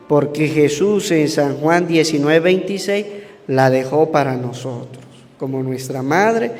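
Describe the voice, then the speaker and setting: Hombre predicando con frases repetidas. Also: male voice, a little high. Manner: repeats phrases for emphasis. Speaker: priest. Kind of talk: sermon. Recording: music and long hall reverb.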